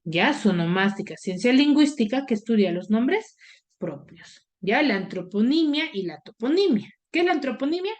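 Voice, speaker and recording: A woman's voice: fairly high pitch, sing-song, normal speed, a little mellow. A woman teaching an online class. She explains step by step and keeps checking in with her pupils through short questions. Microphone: video call.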